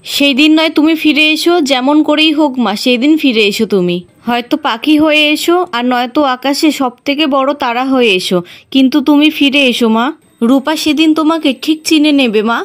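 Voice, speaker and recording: A woman's voice: high voice, normal speed, natural voice. A woman reading the lines of a grieving little girl who has lost her mother, in her own voice. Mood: sorrowful. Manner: read out in the narrator's own voice.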